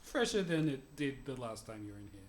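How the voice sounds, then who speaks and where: A game master narrating a tabletop game in an unhurried way, laughing often and using many fillers. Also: medium pitch, big pitch swings, a little hiss or hum.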